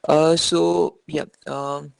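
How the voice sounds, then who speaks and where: Gravelly-voiced male instructor on a call. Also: a little high, flat delivery, extremely slow, no room sound, low-quality recording. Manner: hesitant, many fillers and restarts. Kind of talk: online class Q&A. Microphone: video call.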